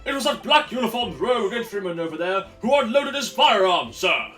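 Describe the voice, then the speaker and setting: Man doing a barking, high-pitched army sergeant. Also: sing-song, a little fast, a bit bright, faint music behind. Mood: barking, dutiful. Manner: clipped military reporting. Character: rigid, barking army sergeant, stiffly dutiful.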